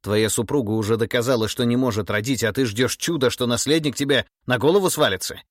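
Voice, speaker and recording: A man's voice: mid-range voice, fast, no echo, clean studio sound, pitched above the performer's own voice, natural voice. A man voicing a proud, accused grand prince in an audiobook, speaking in a tense, raised, indignant way. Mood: defiant. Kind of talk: audiobook character voice.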